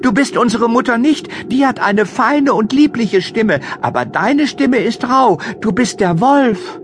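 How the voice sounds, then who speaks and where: A man voicing a group of small frightened goat kids in a fairy-tale audiobook, calling out in a shrill, insistent way. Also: animated, measured pace, background noise. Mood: defiant. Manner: shrill, insistent chorus-like calls. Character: seven little goat kids, young and frightened.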